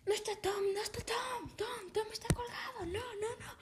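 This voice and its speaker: Frantic young camper guy, high and shaky, crying out in panicked bursts, put on by a woman storyteller. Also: normal speed, noisy background. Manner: frantic, repeating, crying and whispering.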